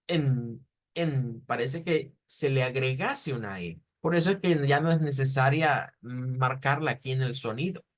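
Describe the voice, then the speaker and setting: Man, language teacher, slow repetitions, a bit high-pitched. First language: Spanish. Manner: patient, explanatory, repeats sounds slowly to model pronunciation. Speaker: German teacher. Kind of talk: online language lesson.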